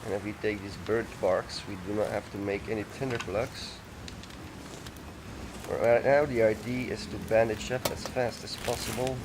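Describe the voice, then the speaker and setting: Over background noise and music, a man delivers loose, rambling commentary while playing a video game, correcting himself often. He has a fairly low pitch, a level tone and a moderate pace.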